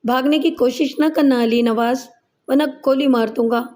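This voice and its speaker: A woman's voice: high voice, fairly even intonation, dark tone, close to an everyday voice. A woman voicing a stern, scornful male police inspector who barks orders and scolds in a commanding tone.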